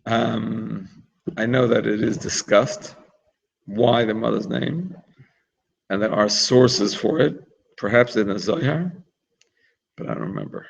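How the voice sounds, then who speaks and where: A man's voice: lowish voice, slow, vocal fry, breathy edge, highs cut off. A man teaching an informal religious class in a chatty, explanatory way, often restarting his sentences. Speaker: Torah teacher.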